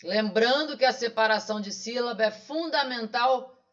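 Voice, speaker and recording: A man's voice: extremely high pitch, normal speed, a bit bright. A man with a Brazilian accent working through exam questions as a teacher. He is didactic and poses questions, then answers them himself. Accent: Brazilian Portuguese. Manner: didactic, asks and answers his own questions. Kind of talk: online exam-solving lesson. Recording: dull lo-fi sound.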